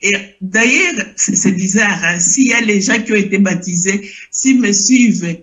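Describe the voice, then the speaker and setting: A woman's voice: mid-range voice, moderate pace, fairly bright tone. An older woman giving an emotional spoken testimony, hesitant and repeating herself as she searches for words. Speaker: testifying church member. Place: lives in Belgium.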